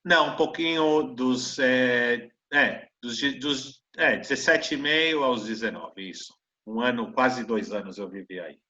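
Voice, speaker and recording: A man's voice: mid-range voice, unhurried, few pauses, pushed and bright. A middle-aged man from Brazil, a guest speaker, talking casually and hesitantly in an online Q&A. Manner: hesitant, with restarts and fillers. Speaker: guest speaker, tour guide. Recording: dull, lo-fi call audio.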